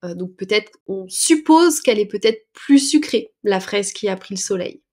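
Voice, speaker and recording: A woman's voice: medium pitch, expressive, a little mellow. A woman teaching a French lesson, patiently explaining words and expressions step by step, with small hesitations as she goes. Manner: patient, breaks words down slowly with fillers.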